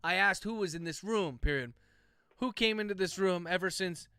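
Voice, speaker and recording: A man's voice: high-pitched, moderate pace, bright, forceful tone, clear, resonant tone, no room sound. Pushy woman investigator, a guy just reading her lines plainly, dry close mic. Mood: demanding. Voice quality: dictation-style reading with spoken punctuation. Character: tough impatient woman investigator.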